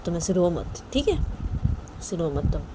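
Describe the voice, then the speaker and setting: A woman's voice: fairly low pitch, big pitch swings, moderate pace, noisy background. A woman doing a consoling older aunt. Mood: soothing. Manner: soothing, repeats herself insistently. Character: older aunt, gentle but firm, consoling.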